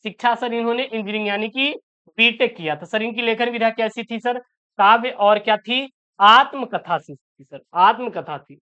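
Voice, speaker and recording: A man's voice: very high-pitched, moderate pace, sharp tone, clear, resonant tone. A man teaching an exam-prep lesson, asking questions aloud and answering them himself, often throwing in "sir" as a filler. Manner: keeps tossing in "sir" as a filler. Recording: dull lo-fi recording.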